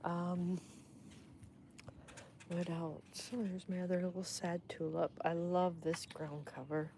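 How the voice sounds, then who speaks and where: A woman's voice: fairly low pitch, little pitch movement, takes it slowly, dark tone, slight background noise. A woman hosting a casual livestream, chatting in a rambling, fond way as she walks through her garden with her phone. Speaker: host. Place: outdoors in a garden. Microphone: phone held in hand.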